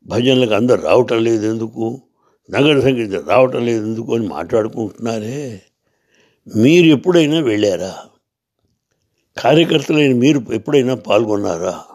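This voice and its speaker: A man's voice: medium pitch, brisk, pauses often, a little mellow, pitched above the performer's own voice, natural voice. A man voicing a stern poor railway porter who is a saint in disguise, scolding two officials. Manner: scolding, rebuking.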